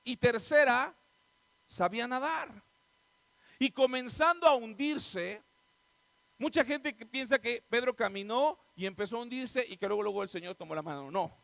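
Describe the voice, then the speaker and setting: A man preaches a sermon in a high, gravelly voice. He acts out the voices he quotes and swings between loud cries and quiet asides. The sound is dry and close to the mic. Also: normal speed, no room sound, low-quality recording. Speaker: pastor.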